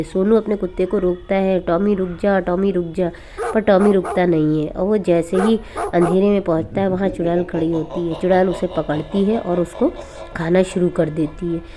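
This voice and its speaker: A woman narrating a cartoon horror story in a plain, steady storytelling manner. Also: fairly low pitch, a little hiss or hum.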